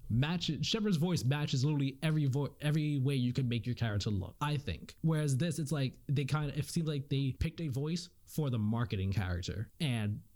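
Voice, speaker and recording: Man rambling on a podcast mic, mid pitch, lots of likes and you knows, keeps restarting sentences. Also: expressive, brisk, hardly any pauses, a little mellow. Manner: rambling, many fillers and restarts. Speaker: podcast panelist reviewing a game. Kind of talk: casual podcast chat.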